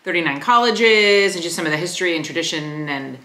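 A woman in her forties from Chicago, chatting casually at a table with quick, lively storytelling. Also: lowish voice, echoey room. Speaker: vlogger's partner. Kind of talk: casual chat. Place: apartment kitchen.

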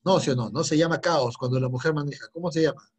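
A man's voice: a little high, fast talker, husky. A middle-aged man, teaching an online history class and teasing and scolding his students with jokes.

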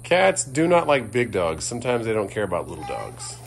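Low-voiced woman, chatty and offhand, vlogging on a handheld phone; lively pitch, noisy background. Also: brisk, gravelly. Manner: chatty, offhand, laughs at herself. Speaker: vlogger, trucking dispatcher wife. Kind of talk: casual vlog narration. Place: car, yard and home, in and out of doors. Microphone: handheld phone camera.

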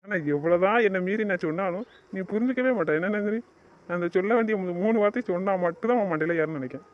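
A man's voice: high voice, rapid-fire. A man in a romantic audio drama, scolding and teasing his partner in a bossy way. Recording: dull lo-fi recording.

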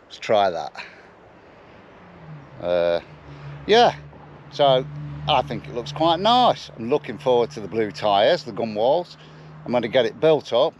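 Man, forties, broad East Midlands accent, mid-pitched voice, playful casual vlog chat, slight background noise. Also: big pitch swings, measured pace, long pauses, highs cut off. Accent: broad Derbyshire, East Midlands. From Derbyshire, England. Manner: jokey, playful, slangy. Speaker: vlogger presenting a bike restoration. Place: mostly outdoors in a garden, some in a wooden shed workshop.

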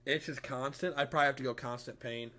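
A man's voice: mid-range voice, steady tone, quick pace, pushed and bright. A young man chatting casually as a game streamer in a crude, slangy frat-bro manner with lots of swearing. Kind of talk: casual livestream gameplay chat.

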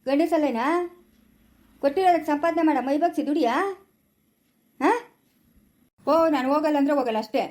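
Brief: woman as stern old grandfather, rapid-fire scolding, high voice. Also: a little mellow, natural voice. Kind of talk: amateur family skit.

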